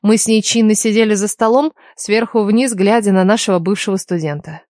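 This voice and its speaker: A woman narrating a first-person novel as an audiobook, in an even storytelling read. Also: medium pitch, fairly quick, no room sound, clean studio sound.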